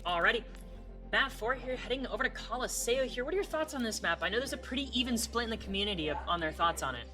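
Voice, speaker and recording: A woman's voice: fairly high pitch, fast talker. A woman casting a video game match live in the manner of a fighting game announcer. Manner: excited fighting game announcer style calls. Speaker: esports match caster. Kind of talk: live esports play-by-play commentary. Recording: loud game music and gunfire behind. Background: loud game music, gunfire.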